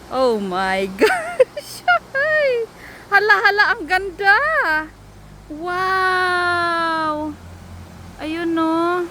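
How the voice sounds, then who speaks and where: A woman vlogging by a waterfall on her phone, excitable and giggly, exclaiming often and sounding nervous and shaky. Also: extremely high pitch, slight background noise, poor audio. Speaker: travel vlogger. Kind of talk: casual vlog narration. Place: outdoors by a waterfall. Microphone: handheld phone. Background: rushing waterfall.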